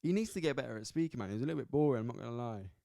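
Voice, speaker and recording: A man hosting a solo sports podcast, reviewing fights in a loose, animated way, swearing and repeating himself as he goes. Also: mid-range voice, rapid-fire, gravelly, dry recording, clean studio sound. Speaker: podcast host. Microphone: camera at close angle.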